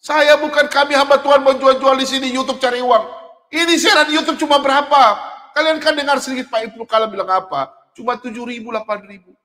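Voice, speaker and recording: A middle-aged man preaching a sermon in an animated way, laughing and at times shouting. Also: very high voice, quick pace. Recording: long hall reverb.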